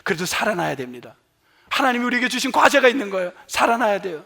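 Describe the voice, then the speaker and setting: High-voiced preaching man. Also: sing-song, fast, vocal fry, sharp tone. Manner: preaching with rises and drops in volume, acting out quoted cries. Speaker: senior pastor. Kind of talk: sermon. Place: church sanctuary.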